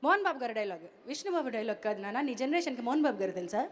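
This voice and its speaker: High-voiced woman anchoring an event. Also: very fast, long reverb tail. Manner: energetic, teasing, calls out to the crowd. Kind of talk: lively stage anchoring.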